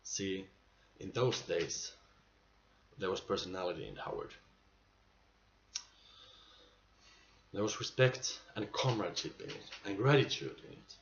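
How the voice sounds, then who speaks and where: A man playing an aging, nostalgic salesman in a dramatic stage monologue, earnest and halting, with emphatic bursts. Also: sits low, big pitch swings, heavily acted. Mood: wistful reverence. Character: aging male salesman, nostalgic, pleading, weary pride. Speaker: actor performing a monologue. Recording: muffled amateur recording with clear background noise.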